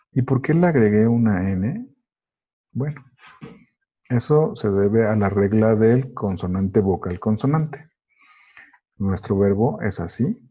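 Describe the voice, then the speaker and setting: A man whose first language is Spanish leads a grammar lesson, walking through each sentence slowly and methodically. His voice is low, mellow and a little husky. The recording sounds dull and lo-fi. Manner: slow, methodical, explains step by step. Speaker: English teacher.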